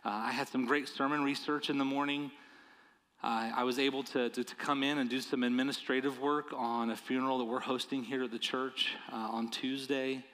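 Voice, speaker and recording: A male pastor giving a sermon in an earnest, conversational way, often stumbling over and repeating the first words of a phrase. His voice sits at an ordinary middle pitch for a man. The church around him adds a long, trailing reverb to every word. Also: flat delivery, fairly quick, fairly bright tone. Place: church sanctuary.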